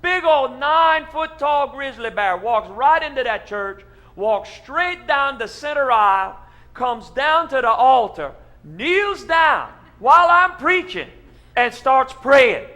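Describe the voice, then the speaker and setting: A man's voice: very high voice, animated, pitched above the performer's own voice, full character voice. A man with a Cajun accent voicing an earnest pastor who tells an absurd tall tale in comic storytelling, drawn out and emphatic. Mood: excited, incredulous. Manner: loud, drawn-out, emphatic preaching delivery.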